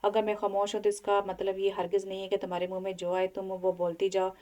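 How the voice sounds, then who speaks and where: A quiet, firm young bride from an audio novel, voiced by the female narrator. She speaks in a subdued, restrained way, even and almost without melody. The voice is soft and mellow. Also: medium pitch, fast talker, natural voice. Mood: stern. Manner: subdued, turning stern.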